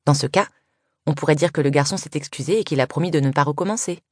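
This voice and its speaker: A woman reading aloud and voicing an excitable young schoolgirl who talks eagerly. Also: low-pitched, fast talker, dry recording, clean studio sound. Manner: eager and scheming.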